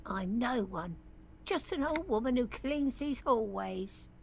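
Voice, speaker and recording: A woman's voice: a little high, animated, takes it slowly, gravelly, slight background noise, heavily acted. A wheezy old cleaning lady. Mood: grumbling. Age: older. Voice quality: coughing, wheezy. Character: sickly old cleaning woman, grumbling and wry. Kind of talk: game voice acting.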